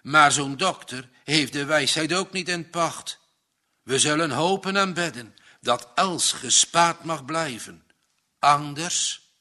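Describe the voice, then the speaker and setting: A man's voice: a little high, slow, pushed and bright, exaggerated voice. A man voicing an anxious, earnest young farmer's son in a read-aloud story.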